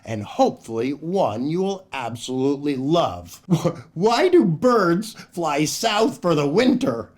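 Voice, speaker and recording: Speaking slowly in a slightly high, sing-song voice, this older man hosts a kids' storytime program. His delivery is playful, exaggerated, and theatrical as he reads aloud and cracks jokes.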